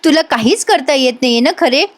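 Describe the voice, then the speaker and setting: A woman's voice: high-pitched, close to an everyday voice. Woman voicing a smug teasing young husband. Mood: taunting. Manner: gloating, drawn-out taunting.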